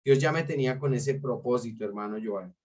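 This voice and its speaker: A man's voice: mid-range voice, a little fast, darkish tone. A pastor earnestly telling his testimony and acting out remembered dialogue. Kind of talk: testimony in conversation. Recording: voice from some distance off the mic.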